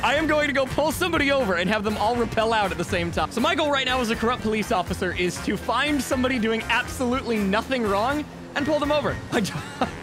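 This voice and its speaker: A man's voice: extremely high pitch, lively intonation, fast talker, over music. A man hosting a gaming video, commentating and improvising role-play. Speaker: gaming video creator and host. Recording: loud game audio behind the voice.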